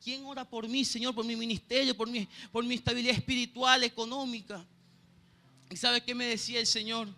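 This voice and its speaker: Man, Venezuelan accent, earnest sermon, very bright tense tone. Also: extremely high pitch, little pitch movement, fairly quick. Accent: Venezuelan Spanish. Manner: earnest, keeps asking "¿sabe, hermano?". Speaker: church pianist preaching. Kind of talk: sermon with personal testimony.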